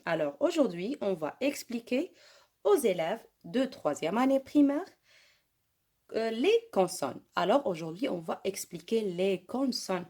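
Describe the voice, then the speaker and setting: A woman with an Arabic accent teaching French to young primary pupils, switching between Arabic and French and repeating each point slowly. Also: mid-range voice, sing-song, mellow. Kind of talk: online lesson for children.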